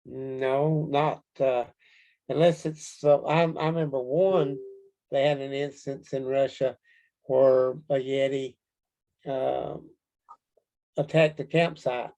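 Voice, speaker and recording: A man with a Kentucky accent answering interview questions casually, in a folksy, halting storytelling way. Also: mid-range voice, fairly even intonation, gravelly, warm tone, poor audio. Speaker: interview guest, Bigfoot researcher.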